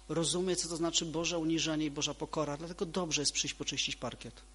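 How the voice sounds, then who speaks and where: A man preaches a sermon to a congregation emphatically, repeating key phrases and shifting between loud and soft delivery. His voice is on the high side, with a breathy edge.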